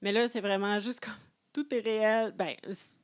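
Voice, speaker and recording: A woman's voice: mid-range voice, steady tone, moderate pace, clean tone. A woman with a Quebec French accent, co-hosting a casual book-club podcast and talking hesitantly, with many restarts. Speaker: podcast co-host.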